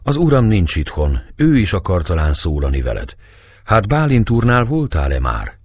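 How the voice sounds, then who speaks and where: A man voicing a calm, kind middle-aged village woman in a storybook reading, his voice raised higher. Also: breathy edge, dry recording, heavily acted. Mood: gentle.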